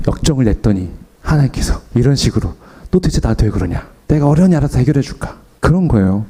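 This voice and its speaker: Young male preacher; rapid, animated sermon delivery with a dark, mellow tone; acts out quotes with humor. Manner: storytelling with acted-out quotes and self-deprecating humor; animated, pitch jumps up for emphasis.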